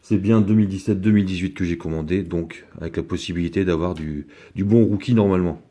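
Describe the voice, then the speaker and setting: A man's voice: sits low, fast talker, warm tone. A man giving casual, rambling commentary as he opens a box of trading cards, talking with many fillers. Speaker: card collector opening a box.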